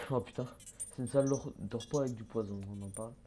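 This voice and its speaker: Talking at a quick pace in a medium-pitched, dark voice, a young gaming YouTuber gives offhand let's-play commentary. It's hesitant and riddled with fillers and restarts, and he mutters while he plays, with faint background noise behind him.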